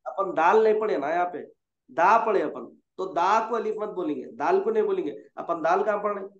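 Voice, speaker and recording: High-voiced man patiently teaching letters. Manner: coaxing, corrects gently and repeats letters slowly. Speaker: Quran reading teacher. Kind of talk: patient tutoring over a call. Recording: roomy, dull lo-fi sound.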